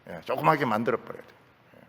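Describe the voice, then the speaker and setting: A man's voice: medium pitch, lively intonation, fast talker, creaky, fairly bright tone, slightly rough. An older man with a Gyeongsang accent preaching a sermon as pastor, folksy and joking, repeating his key phrases. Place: church sanctuary. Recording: church hall reverb.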